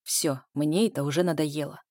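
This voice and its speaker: A cold, cruel man with a scarred face speaks in a low, hissing, menacing voice, as a woman narrator puts him on. His tone stays mellow and dark, and the sound is close and dry, with no room around it. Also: fairly even intonation, moderate pace, no room sound. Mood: irritated.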